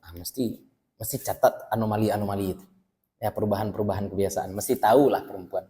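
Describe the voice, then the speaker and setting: A man's voice: on the low side, steady tone, quick pace, mellow. Man teaching in an echoing hall. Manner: reads Arabic text then translates line by line, conversational asides. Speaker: Islamic teacher. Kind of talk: religious book study lecture. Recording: long hall reverb.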